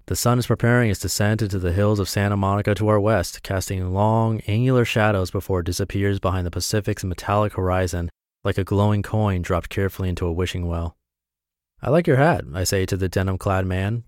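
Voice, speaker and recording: Low-voiced man, calm reflective reading. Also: no echo, clean studio sound. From Montana, USA. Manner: measured, deliberate and thoughtful. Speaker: narrator reading his essays. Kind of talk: reflective essay narration.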